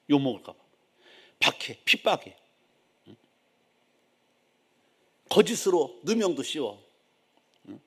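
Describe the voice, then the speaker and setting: Korean pastor preaching with lively, emphatic swings. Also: male voice. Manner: emphatic, shifting from low asides to loud, raised outbursts; acts out complaining believers in a raised voice. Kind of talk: sermon.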